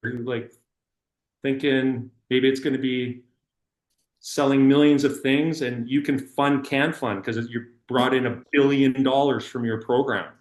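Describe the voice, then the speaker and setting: A middle-aged man leading a workshop. He talks in an energetic, emphatic way, repeating words and using plenty of fillers. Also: medium pitch, a little slow, roomy sound. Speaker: workshop instructor. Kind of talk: public speaking workshop talk.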